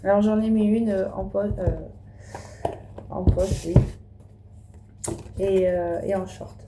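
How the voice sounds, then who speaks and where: A woman reading oracle card messages aloud in a slow, gentle, soothing way, addressing her viewers. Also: mid-range voice, fairly even intonation, heavy background noise.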